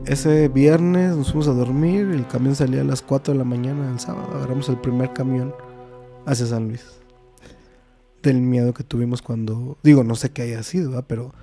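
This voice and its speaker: A man's voice: medium pitch, steady tone, moderate pace, warm tone, soft background music. A man with a Mexican accent, a podcast guest telling a story casually, hesitant and full of fillers.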